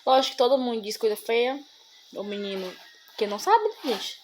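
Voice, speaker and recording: A woman's voice: a little high, very animated, a little fast, slight background noise. A young woman, a mother chatting to viewers in a rambling, emotional way and often calling them "gente". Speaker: mother vlogging about her son. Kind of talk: casual chat to viewers.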